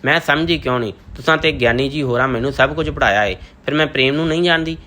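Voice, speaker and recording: Guy reading a naive young village girl, asks wondering questions, bright clear voice, audiobook. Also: mid-range voice, fast talker, lightly acted.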